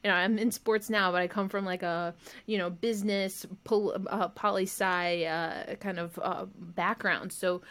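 An animated young woman from the United States talks on a podcast. She tells stories in a casual, chatty way and slips into quoted voices as she goes. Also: mid-range voice, a little slow. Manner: animated storyteller, acts out quotes. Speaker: podcast guest.

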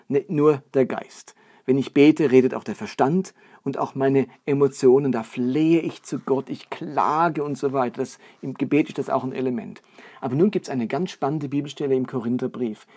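A man's voice: mid-range voice, warm tone. A man giving a sermon, explaining earnestly and building his points with lists and rhetorical questions. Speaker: preacher. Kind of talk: sermon teaching.

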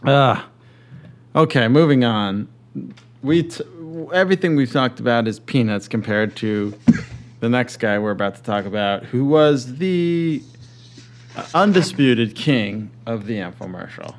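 A man's voice: mid-range voice, lively intonation, a little slow. A man hosting a casual comedic commentary chat, talking informally and joking. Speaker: show host.

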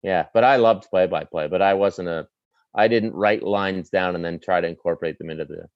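Low-voiced Maritime Canadian man, plain-spoken. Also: brisk, dry recording, dull audio. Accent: light Maritime Canadian. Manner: plain-spoken, informal, slangy. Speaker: sports broadcaster, desk anchor. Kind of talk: casual interview chat.

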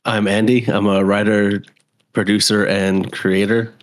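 Dry-witted deep-voiced guy. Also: level tone, measured pace, soft background music. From Arizona. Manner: dry, teasing one-liners. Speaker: podcast co-host. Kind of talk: casual chat. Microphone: video call.

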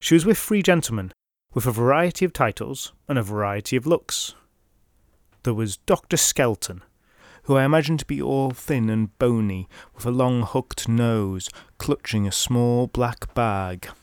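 A male storyteller reads old legends from a script, slipping in dry comic asides. His voice sits at a middling pitch, recorded close with a very dry, deadened sound. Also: measured pace, no echo. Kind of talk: scripted folklore narration.

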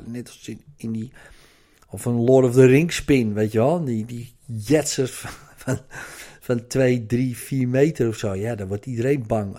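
A man talking through a motivational talk as a trainer, explaining in a relaxed conversational way with many fillers and rhetorical questions. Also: lowish voice. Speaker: trainer or coach. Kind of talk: motivational monologue.

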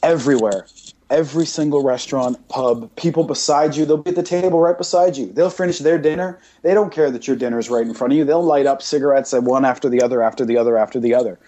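A British podcast host talks casually in a mid-range, mellow voice, speaking fast. He delivers a blunt, emphatic rant, piling up repeated points in a list.

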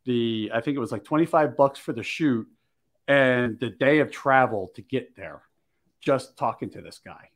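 A man's voice: mid-range voice, normal speed. A man from Maryland, hosting a podcast, telling a story in casual chat and acting out the quoted dialogue. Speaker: podcast host.

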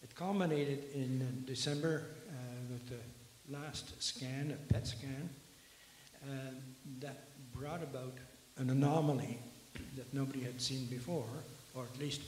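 A man giving a personal testimony to a congregation, told step by step in a measured way into a handheld microphone. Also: mid-range voice, a little mellow. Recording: very echoey hall, faint hiss.

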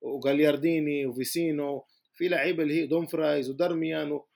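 A man's voice: a little high, fairly even intonation, fast talker, vocal fry, darkish tone. A man with a Palestinian Arabic accent giving casual football analysis as a guest, arguing his case point by point.

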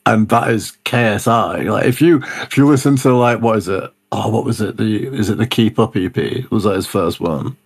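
Husky, low-voiced young man. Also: normal speed, few pauses. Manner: laid-back, slangy banter. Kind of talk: casual chat about music.

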